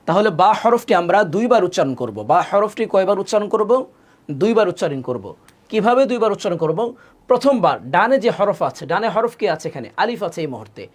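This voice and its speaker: A man teaching a live online Quran class, patiently repeating each rule and asking his students questions that he answers himself. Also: high voice. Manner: slows to spell out letters and vowel marks.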